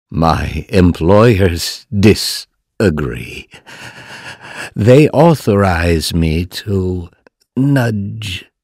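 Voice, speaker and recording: A male actor voicing a sinister, enigmatic middle-aged man in a video game, coldly bargaining in halting, oddly stressed, deliberate phrases with a breathy husk. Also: low voice, darkish tone, no echo, clean studio sound, heavily acted. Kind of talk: video game character monologue.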